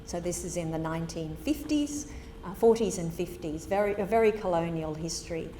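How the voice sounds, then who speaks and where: A woman's voice: on the low side, a little fast, dark tone, slight background noise. A middle-aged woman from Zimbabwe giving a public lecture as a guest speaker, telling her story in a candid, conversational way. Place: lecture hall. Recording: roomy hall with faint ambience.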